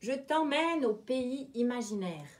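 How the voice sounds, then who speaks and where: A woman's voice: high-pitched, lively intonation, unhurried, darkish tone. A woman reading aloud voices a bold, cheeky boy in a children's storybook, sure of himself and a bit bossy.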